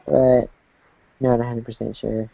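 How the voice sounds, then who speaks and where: A woman's voice: rumbling low, flat delivery, measured pace, creaky, warm tone, dry recording, muffled recording. A woman co-hosting a casual fan recap chat, laughing often as she talks. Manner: giggly, frequent laughter. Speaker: podcast co-host.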